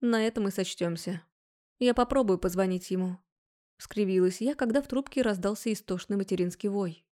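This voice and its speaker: A young woman narrating a first-person story, brisk and wry. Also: mid-range voice, mellow.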